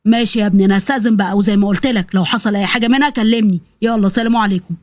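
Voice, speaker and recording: A woman's voice: medium pitch, fairly even intonation, rapid-fire, no room sound, pitched below the performer's own voice, natural voice. A woman voicing a stern, scolding older father with an Egyptian accent in a story. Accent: Egyptian Arabic. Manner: scolding, authoritative.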